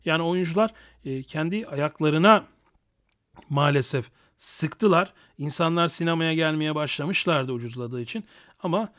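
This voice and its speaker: A man's voice: on the high side, a little slow, fairly bright tone. A man hosting an unscripted solo podcast, talking in a crude, boastful, joking way and often chuckling. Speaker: podcast host.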